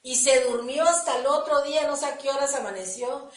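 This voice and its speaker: A woman giving an animated sermon testimony, acting out her prayers and conversations. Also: high voice, fairly quick. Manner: animated, acts out dialogue with God. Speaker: church speaker giving testimony. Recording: echoey room, mic at a distance.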